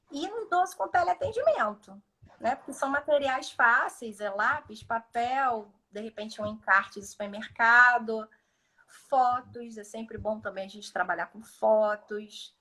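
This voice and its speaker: A woman's voice: a little high, sharp tone. A woman speech therapist explaining cognitive activities in a live video call, often acting out short dialogues with patients.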